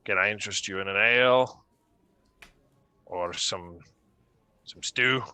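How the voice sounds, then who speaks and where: A man's voice: on the low side, takes it slowly, sharp tone, smooth, dry recording, heavily acted. A man voicing a polite, wary human innkeeper in a tabletop game, with courteous, slightly nervous speech. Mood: welcoming.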